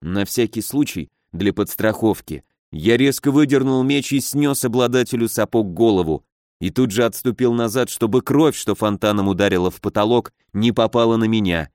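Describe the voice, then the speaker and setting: A man reading a first-person fantasy story aloud with steady, measured storytelling. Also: fairly low pitch, no room sound, clean studio sound. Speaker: audiobook narrator.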